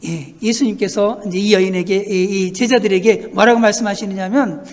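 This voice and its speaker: A male pastor preaching an animated sermon, asking rhetorical questions and acting out scenes in a church sanctuary. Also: high-pitched, moderate pace, in a large hall.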